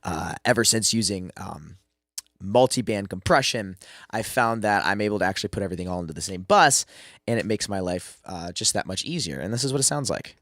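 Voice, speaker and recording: In this screen-share mixing tutorial, a music producer teaches drum mixing while sick and losing his voice, speaking casually with lots of fillers and restarts. His lowish voice has lively intonation, a fairly bright tone and a slightly fast pace. The recording is dry and of studio quality.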